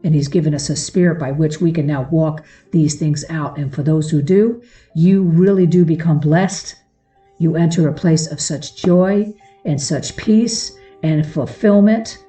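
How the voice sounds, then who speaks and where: The host of a religious teaching show gives an informal devotional talk, addressing her followers earnestly and affectionately. Her voice sits low and warm, a little slow, with faint music behind. She sounds far from the mic in a room with a roomy echo.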